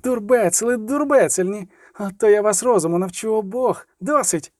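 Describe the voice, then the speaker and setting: A fierce young archer woman yells and scolds in a high, strained voice, as a male narrator pushes his pitch up to play her. She sounds furious and tense, with a dark, mellow tone under the shout and a dry, close sound. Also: very animated, a little fast, no room sound, exaggerated voice. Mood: furious scolding.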